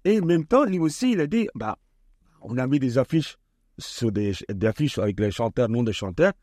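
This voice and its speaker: A man being interviewed on the radio about an event he organizes, speaking hesitantly with many pauses. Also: medium pitch, big pitch swings, a little mellow, no room sound, studio quality. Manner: hesitant, many fillers and restarts.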